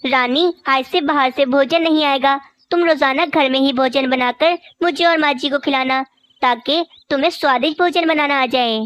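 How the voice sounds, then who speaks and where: A woman's voice: high-pitched, moderate pace, a bit bright, no room sound. A stern, bossy male crow from a cartoon, voiced by a woman in a raised voice. He scolds and lays down rules, with a dry, close sound. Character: rich young male crow husband, stern with wife. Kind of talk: cartoon voice acting.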